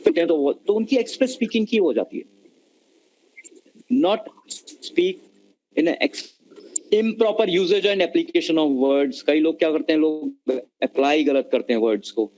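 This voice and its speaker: A man's voice: fairly high pitch, a little slow, darkish tone, poor audio. A man giving an online lecture on communication skills, explaining patiently and mixing Hindi and mid-sentence over a video call. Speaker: webinar lecturer.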